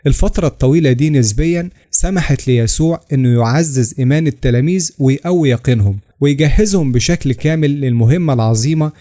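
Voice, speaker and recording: A man with an Egyptian Arabic accent reading scripted religious narration, steady and explanatory, citing scripture references. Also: mid-range voice, fast talker. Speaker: channel narrator.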